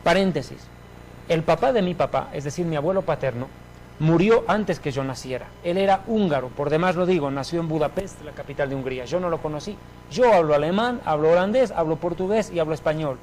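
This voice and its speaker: A man giving a personal religious testimony in an emphatic, animated storytelling manner. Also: a little high, brisk, slight background noise, poor audio.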